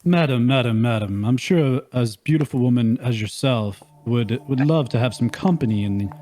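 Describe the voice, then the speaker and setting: Smooth-talking tabletop adventurer, male player, mid-pitched, courtly, ingratiating, politely stammering. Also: normal speed, warm tone, natural voice. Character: smooth-talking, flattering adventurer addressing people formally.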